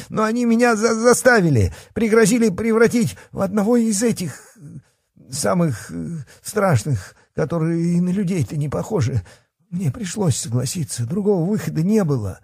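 A man's voice: mid-range voice, very animated, normal speed, gravelly, dark tone, slightly rough, no echo, studio quality, exaggerated voice. A man voicing a cowardly fat male policeman, stammering and squealing in panic. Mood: panicked. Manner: panicky pleading, stutters.

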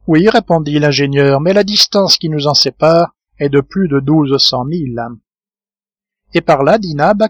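Brief: male audiobook narrator, slightly high voice, dry close sound, measured delivery. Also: dry recording. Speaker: audiobook reader. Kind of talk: scripted narration.

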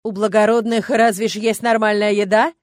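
A woman reading the part of a gruff middle-aged male tavern keeper who talks loudly and bluntly. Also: mid-range voice, level tone, a little fast, no echo, clean studio sound, natural voice. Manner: loud, blunt, haggling.

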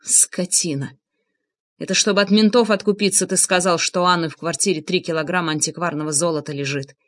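A woman's voice: on the low side, fairly even intonation, brisk, natural voice. A hardened former soldier spits harsh, contemptuous words in a storybook scene. A woman reading the audiobook voices him close to her own narrating voice. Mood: furious. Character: hardened former paratrooper man, angry and blunt.

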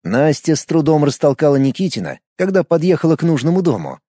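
A man reading an audiobook with expressive storytelling. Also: fairly high pitch, fast, dry recording, clean studio sound. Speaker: audiobook narrator. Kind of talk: scripted narration.

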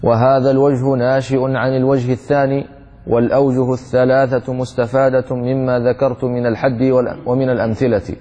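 A man reading a grammar text aloud to a class in a steady voice. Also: mid-range voice, brisk. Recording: dull lo-fi sound with hall reverb.

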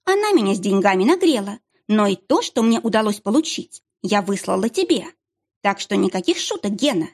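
A woman voicing a sharp-tongued, mocking young heroine with biting, sarcastic retorts. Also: medium pitch, very animated, fairly quick.

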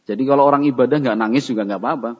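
A man's voice: medium pitch, racing. A man preaching an Islamic study sermon, telling stories and slipping into phrases and chanted Quranic verses. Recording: dull audio in a reverberant hall.

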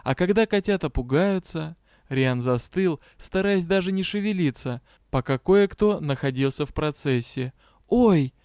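A man reading fantasy fiction aloud as an audiobook narrator, in an even storytelling manner. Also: a little high, moderate pace, clean tone, no echo, studio quality. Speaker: audiobook reader. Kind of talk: scripted narration.

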